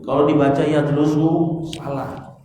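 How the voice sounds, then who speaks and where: A man's voice: fairly high pitch, little pitch movement, a little slow, warm tone. Man teaching in an echoey hall. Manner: explains patiently with rhetorical questions, chants verb patterns. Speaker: Arabic grammar teacher. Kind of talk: classroom lesson to students. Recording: echoey hall with long reverb.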